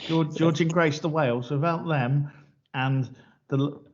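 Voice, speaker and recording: A man's voice: fairly high pitch, steady tone, unhurried. A man co-hosting a podcast, talking in a joking, rambling way about films. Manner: joking, rambling film-buff banter. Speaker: podcast co-host. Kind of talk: casual chat. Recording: dull lo-fi podcast audio.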